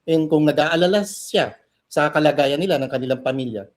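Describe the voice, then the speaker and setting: A man's voice: a little high, brisk. Earnest man in political commentary. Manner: earnest, critical, builds to emphatic points. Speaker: co-host. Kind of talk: political commentary talk show.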